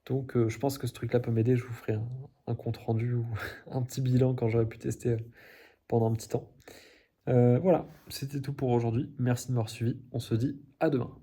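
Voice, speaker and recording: A young male vlogger chats to the camera for his daily video diary in a medium-pitched, flat, fairly quick voice with a dark tone. He rambles with many fillers and restarts, laughing at his own slips.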